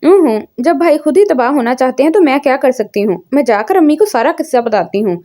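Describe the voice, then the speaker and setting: Resigned young sister in a story, read by a woman, high voice. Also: animated, brisk, dark tone.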